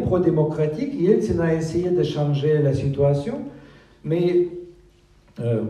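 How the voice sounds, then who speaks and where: Guy being interviewed, lots of pauses n filler sounds, dark mellow voice, echoey room. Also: a little high, distant mic. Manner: hesitant, many filler sounds, searching for words. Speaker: guest author. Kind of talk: interview answers.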